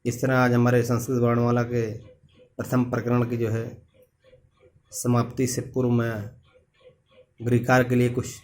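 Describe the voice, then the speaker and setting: A man teaching a classroom lesson, explaining slowly and repeating points with many pauses. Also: medium pitch, monotone, a little mellow.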